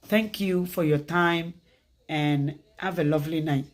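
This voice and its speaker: A woman with a Ghanaian accent, hosting a casual livestream chat in an animated way, switching between English and Twi. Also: deep voice, measured pace. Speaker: livestream host.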